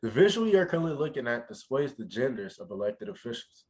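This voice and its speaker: Lively young man presenting a startup pitch. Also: a little fast. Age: teenager. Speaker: student presenter in a pitch competition.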